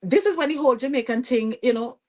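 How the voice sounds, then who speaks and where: A woman with a Vincentian accent, a podcast guest telling her story in a lively, chatty way and often checking in with "you see what I'm saying?". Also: high-pitched, quick pace. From Saint Vincent and the Grenadines. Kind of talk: conversational storytelling interview.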